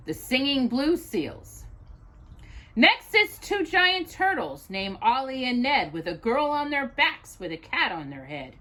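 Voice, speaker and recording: As a storytime host, a woman with a high-pitched voice reads rhyming children's poems in an expressive sing-song, as though to a child. The audio quality is poor.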